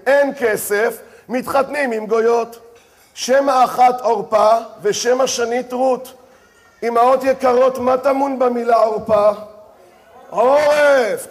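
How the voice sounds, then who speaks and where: With a very high voice, a rabbi tells a story during his sermon, addressing listeners directly and slipping in dramatic voiced asides.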